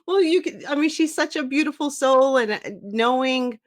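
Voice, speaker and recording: A woman's voice: sits high, moderate pace. A woman in her fifties co-hosting a podcast, affirming and enthusiastic in casual chat. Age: 50s. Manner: affirming, enthusiastic, lots of agreement. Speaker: podcast co-host.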